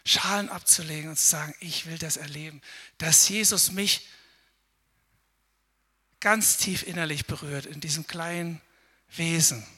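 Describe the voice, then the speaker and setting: Bright-voiced conversational male preacher. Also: fairly high pitch, a little slow, long pauses, slightly rough. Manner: conversational, frequent tag "ne?", acts out inner voices. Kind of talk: sermon. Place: church service.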